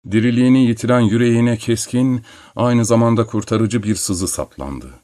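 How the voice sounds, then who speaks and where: A man narrating a literary story in a measured, solemn reading. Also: mid-range voice, mellow, dry recording, clean studio sound. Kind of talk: scripted audiobook narration.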